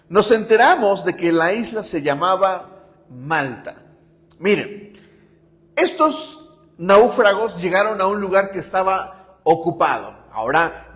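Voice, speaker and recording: A man's voice: high voice, fairly bright tone, big-room sound. A male pastor preaching a sermon with emphasis, often asking the congregation whether they follow him.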